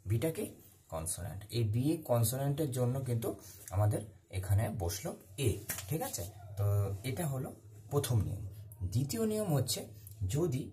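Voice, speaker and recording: A man explains a grammar rule like a teacher in a classroom. His voice is mellow and dark, at a middle pitch. He says key words again and again and answers his own questions. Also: a little hiss or hum. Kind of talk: classroom-style grammar lesson.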